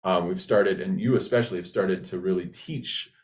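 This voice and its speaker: Low-voiced man teaching conversationally. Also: normal speed. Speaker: voice teacher, co-presenter.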